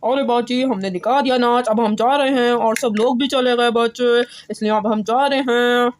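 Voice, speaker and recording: A woman's voice: fairly high pitch, steady tone, normal speed, natural voice. A woman voicing a male street performer with a damru, calling out in a sing-song chant. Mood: bargaining. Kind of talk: doll-play storytelling.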